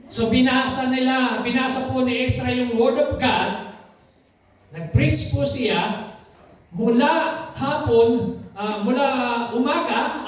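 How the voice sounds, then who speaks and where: A man's voice: very high-pitched, a little hiss or hum. A man with a Filipino accent preaching a sermon, reading scripture aloud and calling for amens. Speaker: pastor. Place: church hall. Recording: echoey hall, voice from far off.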